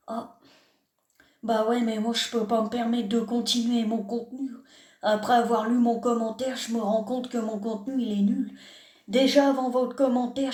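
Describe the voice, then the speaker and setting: A young woman answers a comment in a reaction vlog with mock self-deprecating sarcasm. Her voice is fairly high but mellow. The sound is roomy, with echo off the walls. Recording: echoey room.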